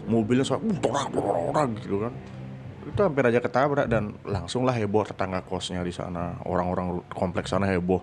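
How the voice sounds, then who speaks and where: A man telling a story in casual chat, animated, jumping up in pitch to act out what others said. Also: brisk, slight background noise. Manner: animated, acts out quoted voices with sudden high pitch. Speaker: podcast guest storyteller.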